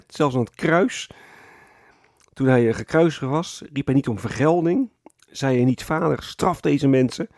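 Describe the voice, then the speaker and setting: A man preaching a sermon as pastor, explaining calmly and often adding a tag word to his points. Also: mid-range voice, no room sound, clean studio sound. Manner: calm explanatory preaching with frequent "hè" tags.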